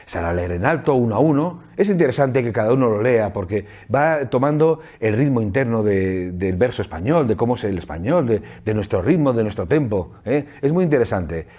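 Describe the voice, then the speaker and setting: Man from Spain, lecturer, animated intonation, explanatory, dull lo-fi recording. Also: medium pitch, a little fast, few pauses. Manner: explanatory, frequent tag questions. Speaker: teacher trainer. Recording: dull lo-fi audio.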